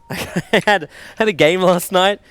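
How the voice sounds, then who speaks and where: A young esports commentator fills the time between games with casual on-air banter, joking at his own expense and laughing often. His voice is high, a bit bright, and clean, and he takes things slowly. The recording is dry.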